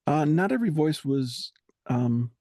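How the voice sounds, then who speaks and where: A man being interviewed as a musician, talking in an earnest, halting way and searching for words. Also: a little high, very animated, warm tone, no echo, clean studio sound. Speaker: musician guest. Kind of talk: reflective interview talk.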